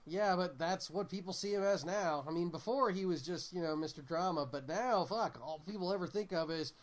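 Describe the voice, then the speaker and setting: A man's voice: sits high, fairly quick. A man chatting casually about films on a podcast, emphatic and joking. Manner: emphatic, joking, puts on mock voices. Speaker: podcast co-host. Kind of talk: casual chat.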